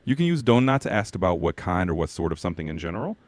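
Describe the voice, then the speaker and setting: A man's voice: deep voice, very animated, very fast, a little mellow, no echo. A man tutoring Japanese, asking practice questions and explaining with encouraging feedback.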